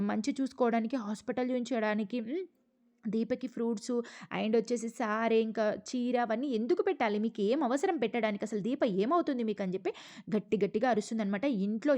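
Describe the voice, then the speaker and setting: A woman voicing an angry, jealous young woman from a TV serial who complains in shrill, accusing bursts. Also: dark tone, close to an everyday voice.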